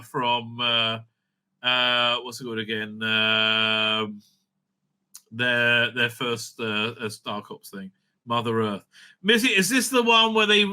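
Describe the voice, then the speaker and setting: A mid-range male voice with a sharp, clean tone belongs to the host of a fan review show. He goes on a casual, opinionated rant, blunt and exasperated, swearing heavily and punctuating his points with a questioning "right?"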